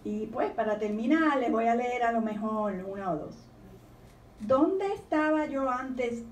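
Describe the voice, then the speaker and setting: A woman's voice: a little high, measured pace, a little hiss or hum. A woman, a children's author, speaking on a panel and reading her poems aloud in a lilting storytelling tone. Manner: expressive, reads questions in a lilting storytelling tone. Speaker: children's author giving a talk. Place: university library lecture room. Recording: echoey room recording from far off.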